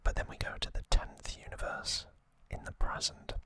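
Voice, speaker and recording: A man hosting an ASMR channel recaps something in a breathy, unvoiced whisper. He speaks softly, using short, deliberate phrases.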